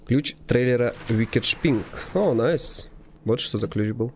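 A man's voice: mid-range voice, slow pace, a little mellow, a little hiss or hum. A man giving casual gameplay commentary, talking to himself informally and reading item names aloud. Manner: informal, mild swearing. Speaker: gamer narrating own playthrough.

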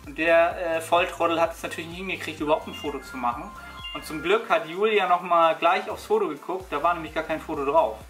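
A young man chatting excitedly in a casual fitness vlog from a small apartment room. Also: a little high, quick pace, faint music behind. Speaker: fitness vlogger.

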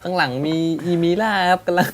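A man's voice: high-pitched, quick pace. A young man hosting a let's play, casually joking and bantering crudely while he reads the game's dialogue aloud. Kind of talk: casual game commentary.

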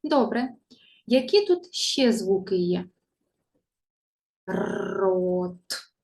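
A woman teacher leads a primary school reading lesson, speaking slowly and in a sing-song way to young children while modelling sounds for them to repeat. Her voice is mid-range with a darkish tone.

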